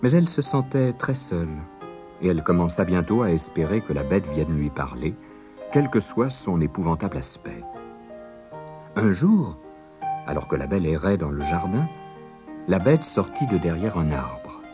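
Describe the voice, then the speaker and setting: A man narrating a fairy tale in an expressive, dramatic reading. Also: sits low, normal speed, music in the background. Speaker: storyteller.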